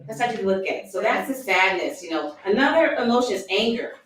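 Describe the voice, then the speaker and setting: A woman's voice: medium pitch, lively intonation, brisk, fairly bright tone, very echoey, recorded from a distance, poor audio. A woman giving a motivational talk to her sales team, acting out quoted thoughts and laughing often.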